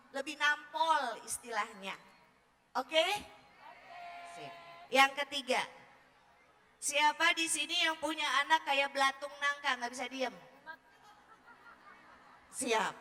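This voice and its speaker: Bright-voiced woman teaching parents. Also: sits high. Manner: chatty, jokey, asks the audience questions. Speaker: early-childhood education speaker. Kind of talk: lively seminar talk to parents and teachers. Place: seminar hall with an audience.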